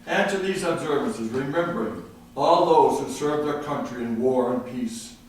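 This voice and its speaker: At a moderate pace and in a mid-range voice, an older man gives an earnest, patriotic public comment in a council chamber, telling jokes along the way. The mic is distant, the room very echoey, and there's faint noise.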